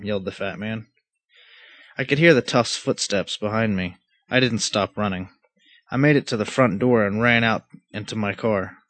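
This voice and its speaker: A man reads aloud at an unhurried, steady clip, his voice sitting a bit low. The delivery is plain rather than performed, with small stumbles and restarts. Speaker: reader. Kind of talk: reading a story and a lawn-care text aloud.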